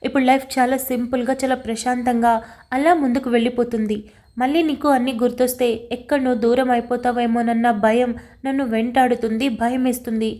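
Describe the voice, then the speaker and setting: A woman's voice: on the high side, level tone, quick pace, darkish tone, lightly acted. A woman voicing an anxious young woman in love, pleading through tears in a storybook reading. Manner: pleading, tearful.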